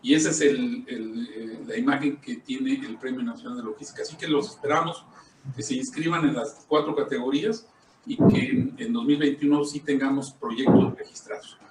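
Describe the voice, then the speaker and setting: A Mexican man makes informal webinar announcements with hesitant, drawn-out fillers. He sounds roomy and distant from the microphone, with faint noise behind him. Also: mid-range voice. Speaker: webinar host.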